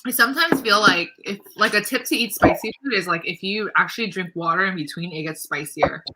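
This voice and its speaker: A young woman guest in a casual livestream chat, relaxed and offhand in her talk. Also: medium pitch, a little fast, a little hiss or hum, poor audio.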